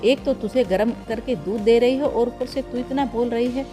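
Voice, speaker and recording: A woman's voice: a little high, moderate pace, over music, natural voice. A woman doing a stern older mother-in-law. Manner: firm, commanding.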